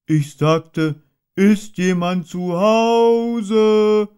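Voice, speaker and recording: Man doing a storybook bear, male, slow, hummy, good-natured, lilting. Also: mid-range voice, expressive, warm tone, voice pushed up. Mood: cheerful, slow. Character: plump honey-loving male bear, simple and good-natured. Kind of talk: audiobook character voice.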